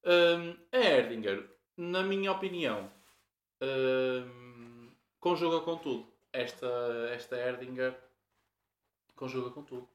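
Male host with a European Portuguese accent, halting tipsy chat, roomy sound. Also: mid-range voice, animated. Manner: rambling, halting, laughing. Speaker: podcast host.

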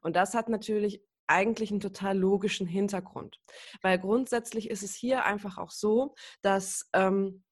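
A woman's voice: medium pitch, fairly even intonation, normal speed. A woman coach explaining as a podcast guest, thoughtful and hedging, with many fillers. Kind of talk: explaining in an interview.

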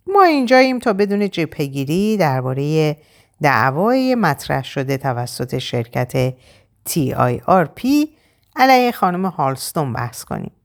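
A woman voicing a polished, businesslike middle-aged male lawyer who speaks courteously and formally, in an audiobook. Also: sits low.

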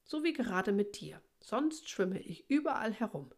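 A woman reading aloud, voicing a cheeky little girl fish in a higher, eager voice. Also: very animated, normal speed.

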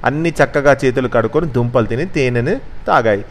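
Man reading a children's story. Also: mid-range voice. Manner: measured, expressive.

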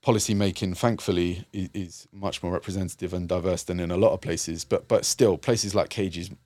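A man's voice: sits low, steady tone, brisk, a little mellow, dry recording, studio quality. A man working with young people, speaking reflectively in an interview with many fillers and restarts. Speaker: youth and community worker, guest. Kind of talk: conversational interview.

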